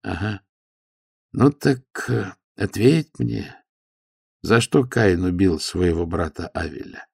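Guy reading doing a sly stoker monk, plays dumb, gravelly, squeaks up when he's faking surprise. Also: slow pace, pauses often, a little mellow, no echo, clean studio sound, heavily acted. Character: sly eccentric male stoker monk, mock-innocent.

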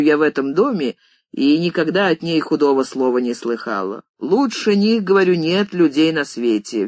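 Voiced by the audiobook reader, a middle-aged maid answers meekly and then chatters on with folksy repetitions. Her voice is a little husky, and the reading is close and dry. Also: medium pitch, dry recording. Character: middle-aged maid, humble but sullen and talkative.

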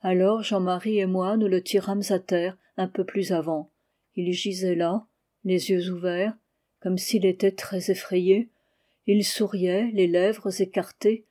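A woman reading a novel aloud as steady scripted narration, lifting her voice for the shouted lines. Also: measured pace. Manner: steady reading, louder and higher for quoted cries. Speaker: audiobook reader.

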